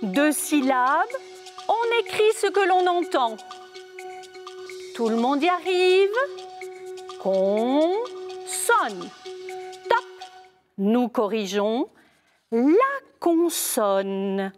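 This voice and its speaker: Slow, lively-pitched woman teacher dictating. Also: in a large hall, music in the background. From France. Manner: slow, clear dictation with emphatic repeated words. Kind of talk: spelling lesson video.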